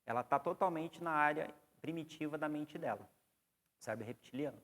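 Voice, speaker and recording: A man's voice: on the high side, normal speed, a bit bright. A man with a Brazilian Portuguese accent giving a classroom lecture on psychoanalysis, explaining and putting questions to the class. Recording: long hall reverb.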